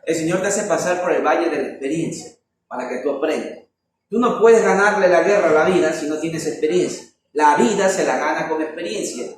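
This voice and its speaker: A man teaching a Bible lesson in an emphatic preaching style, stressing words with sharp rises and asking rhetorical questions. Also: on the high side. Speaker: Bible teacher leading a church economics class. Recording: echoey room, voice from far off, faint noise.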